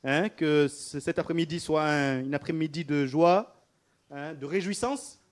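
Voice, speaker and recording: A man preaching a sermon in an animated way, repeating phrases and laughing between them. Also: on the high side, measured pace. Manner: animated, repetitive, often laughing mid-phrase.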